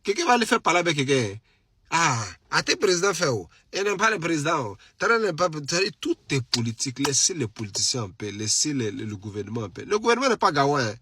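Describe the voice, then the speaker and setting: A man with an Ivorian French accent and a head cold chats casually to his followers on a late-night live stream, repeating phrases for emphasis. His voice is fairly high, very animated and fast, with a bright, forceful tone and a breathy edge.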